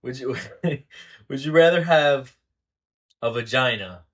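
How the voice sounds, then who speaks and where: A young man with a husky, slightly rough voice at an ordinary male pitch. He sounds tipsy, rambling and repeating his phrases as he banters casually on a podcast. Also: slow, a bit bright. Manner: tipsy, repetitive, rambling talk while drinking. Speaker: podcast co-host. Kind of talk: casual banter over a drinking card game.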